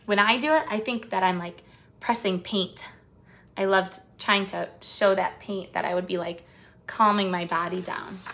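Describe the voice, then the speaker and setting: Hosting for young viewers, a woman with a slightly high voice reads a picture book aloud and chats with the children. She encourages them with direct questions and draws out her phrasing expressively.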